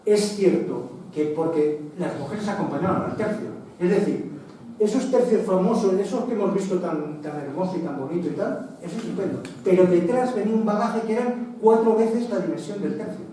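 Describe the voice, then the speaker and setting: A male military history lecturer speaks in a high, mellow voice with lively intonation and normal speed, giving a public lecture with slides in an indoor association meeting hall. His delivery is conversational and digressive, full of restarts and asides. The hall echoes, the mic is distant, and there's faint noise.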